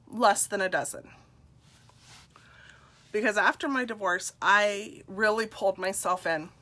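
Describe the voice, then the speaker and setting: Woman, 40s. Candid, self-deprecating storyteller speaking to camera with a bright, clear tone. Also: medium pitch. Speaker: nurse and direct seller.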